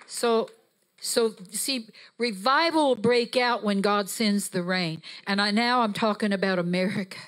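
A woman guest preacher delivers a sermon in a mid-sized indoor church sanctuary, walking the stage with a handheld microphone. Her mid-range voice is a bit bright and a little slow, and she preaches fervently and emphatically, rising into exhortation.

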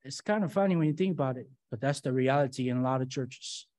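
With a medium-pitched, slightly mellow voice and a quick pace, a middle-aged man runs a Bible study from a lectern in a church room. He teaches it like a class using fill-in-the-blank slides, chatting casually and regularly asking "right?" along with rhetorical questions.

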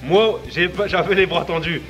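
A man's voice: high-pitched, normal speed, a bit bright, soft background music. A young man co-hosting with casual banter, cutting in with mock-serious teasing. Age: young adult. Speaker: co-host. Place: indoor gym, camera a few metres away.

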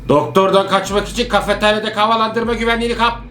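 A man giving excited let's-play commentary on a horror game, joking as a worried father and repeating words in bursts. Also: high voice, fast talker, echoey room, background noise. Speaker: gamer playing a horror obstacle game.

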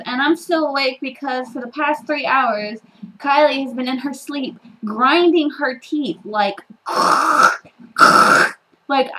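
A woman's voice: high voice, pushed and bright, rough recording. Rambling young woman vlogging at home. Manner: rambling, heavy on "like", swears freely. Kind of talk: casual chat.

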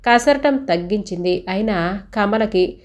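A woman storyteller narrating a family story. Her telling is steady and even, with a voice of middle pitch for a woman. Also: slow.

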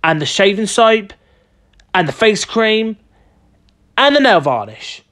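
Storybook part: young boy, played by an adult narrator, eager and earnest, matter-of-fact, with lively pitch. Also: takes it slowly. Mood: focused.

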